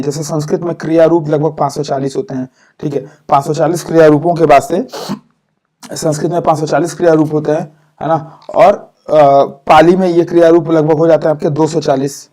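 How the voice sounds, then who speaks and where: Male lecturer, mellow dark tone, level delivery, checks in with "okay" after each point. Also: fairly high pitch. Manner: repeats "ठीक है" after points, with fillers and restarts. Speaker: teacher. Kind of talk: exam-prep lecture.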